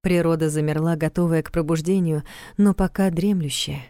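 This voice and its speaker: A woman reading a mystery thriller audiobook in a calm, measured storytelling manner, close to the mic. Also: low voice, no echo. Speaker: audiobook narrator. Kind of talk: scripted audiobook narration.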